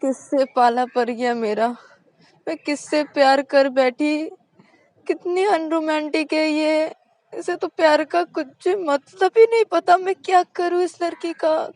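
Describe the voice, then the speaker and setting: A woman voicing a quick-tempered young woman in a told love story, with high, loud, dramatic exclamations. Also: fairly even intonation, no echo. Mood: despairing. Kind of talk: storybook voice acting.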